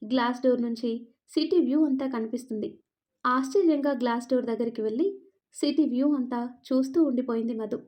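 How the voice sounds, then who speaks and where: A woman's voice: fairly high pitch, fairly even intonation, brisk, a little mellow. Woman narrating a romance story. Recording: dull lo-fi narration recording.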